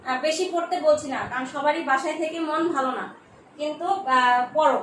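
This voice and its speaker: A woman's voice: sits high, fairly quick, fairly bright tone, slight background noise. A middle-aged woman from Bangladesh, a geography lecturer giving an online lesson to students in a chatty, motherly way, with frequent filler sounds. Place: room at home. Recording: echoey room, mic at a distance.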